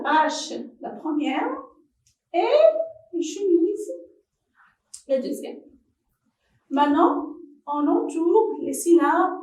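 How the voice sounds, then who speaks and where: High-voiced woman teaching very slowly. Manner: slow, deliberate, addresses young pupils warmly. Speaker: primary school French teacher. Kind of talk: slow televised classroom lesson. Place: classroom or studio for televised distance teaching. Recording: roomy echo, voice from a distance.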